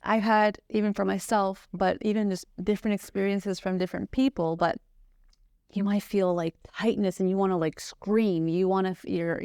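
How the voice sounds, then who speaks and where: As a guest on a podcast, a woman earnestly tells a personal story, searching for words and leaning heavily on "like" and "you know." Her medium-pitched voice is darkish and clean, recorded with clean studio sound and no echo.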